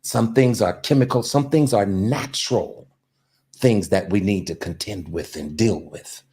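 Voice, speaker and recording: A man's voice: on the low side, a little slow, darkish tone, a little hiss or hum. A man in a casual discussion, making a preachy point and asking "you see what I'm saying?" again and again.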